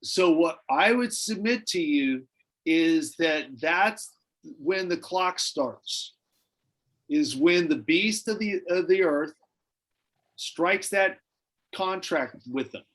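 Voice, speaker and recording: A man with a somewhat high voice leads a church Bible study. He talks in a relaxed, musing way, often restarting his sentences as he thinks aloud. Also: takes it slowly, low-quality recording. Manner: conversational, speculative, many restarts. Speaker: pastor.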